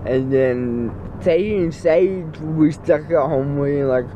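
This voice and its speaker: A man's voice: on the high side, unhurried, mellow. A teenage male, groggy and numb-mouthed from anesthesia, rambling goofily into a phone in a car. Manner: goofy, disjointed rambling. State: groggy and loopy from anesthesia, mouth numb after dental surgery. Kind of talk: rambling casual selfie vlog. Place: inside a moving car. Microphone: phone at arm's length. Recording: muffled phone audio with car road noise.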